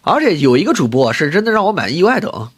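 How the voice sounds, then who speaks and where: A man with a husky, animated voice rants fast on a livestream, often repeating himself. His voice sounds dry and close to the mic. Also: fairly high pitch, no room sound. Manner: excited, ranting, repeats himself. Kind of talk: livestream rant.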